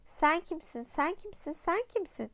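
A woman voicing a slow repeating mountain echo. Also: high-pitched, fairly bright tone, smooth. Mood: hollow. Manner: slow, drawn-out repetition.

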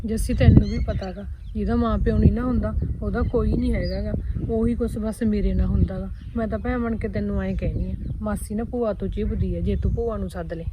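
A woman's voice: mid-range voice, fairly even intonation, a little fast, natural voice. A woman with a Punjabi accent in a village drama, speaking meekly and with resignation about her troubles. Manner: meek, complaining, resigned. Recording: distant, dull, loud outdoor noise.

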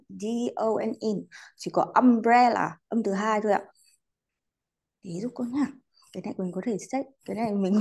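The teacher here has a medium pitch with a slightly mellow quality. During her online English class she remains polite and patient, borrowing English words as she explains and using courteous particles in most sentences.

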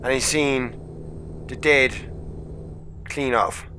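A man's voice: medium pitch, fairly even intonation, slow. A man with a west of Ireland Kerry accent, chatting casually and informally as he streams a game. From County Kerry, Ireland. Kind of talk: casual livestream chat. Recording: noisy mic with loud vehicle hum.

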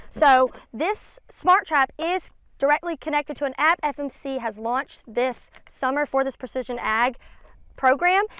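A woman in her twenties with a high, slightly bright voice is interviewed outdoors in an open peanut field, where she explains a product as a field specialist. She's recorded on a clip-on lavalier mic, with no room sound.

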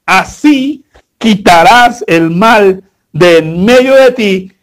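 A man, preaching a sermon as pastor, full of rhetorical questions and mocking asides, with sudden shifts between fast and slow delivery. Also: sits high, expressive. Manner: mocking, acts out the people in his stories.

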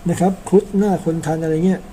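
Guy from thailand retelling an epic, chill and chatty, lots of polite little tags, low mellow voice. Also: fairly even intonation, quick pace, slight background noise. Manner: chatty, tags sentences with polite particles, personal asides. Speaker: storyteller. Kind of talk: casual storytelling narration.

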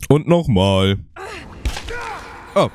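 A man's voice: fairly low pitch, lively intonation, extremely slow, darkish tone, slight background noise. A man giving casual, chatty commentary while playing a video game, swearing and thinking aloud. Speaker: let's play host.

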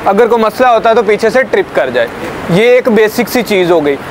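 A young male safety trainer with a higher voice gives a hands-on safety demonstration outdoors beside a building to a small group of trainees. He explains patiently and briskly with lively intonation, checking understanding with "ठीक है" and "समझ आई है?". A camera a few meters away records him, with light street noise around.

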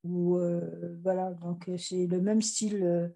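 A woman's voice: lowish voice, level tone, measured pace, vocal fry, warm tone. A woman joining a casual Bible study discussion over an online voice chat, hesitant, with many fillers and restarts. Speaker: study participant.

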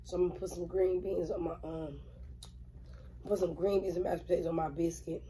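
A woman's voice: on the low side, steady tone, fairly quick, warm tone, slight background noise, poor audio. A woman, chatting bluntly and profanely on camera while she eats, rambling as she goes. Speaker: mukbang vlogger. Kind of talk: casual chat while eating on camera.

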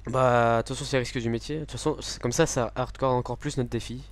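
Man gamer at mid pitch, casual play commentary, relaxed and halting, lots of filler pauses. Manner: hesitant, many fillers and restarts, laid-back. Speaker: gamer, server owner.

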